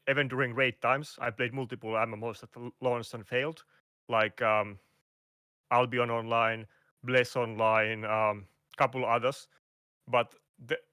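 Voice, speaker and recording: At medium pitch and in a steady, unhurried tone, a Finnish-accented guest content creator answers a casual interview over a call; his voice is bright and forceful. He searches for words and is hesitant, restarting often with fillers and non-native phrasing. The audio is close and dry, with no echo.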